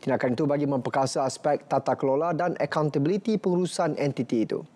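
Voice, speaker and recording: A man's voice: on the high side, quick pace, dark tone. A man reading parliamentary news in a formal studio newsreader delivery. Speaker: news presenter.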